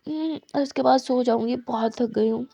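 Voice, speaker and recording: A woman's voice: on the high side, moderate pace, creaky, warm tone, husky, dry recording. A woman voicing a tired older sister who speaks caringly to her younger sister.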